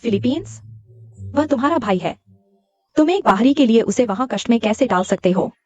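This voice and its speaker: A woman's voice: fairly high pitch, animated, normal speed, a little mellow, muffled recording, faint music behind. An actress dubbing a frail, scheming young woman who pleads and plays the victim. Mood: protesting. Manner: pleading and self-pitying. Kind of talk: dubbed drama acting.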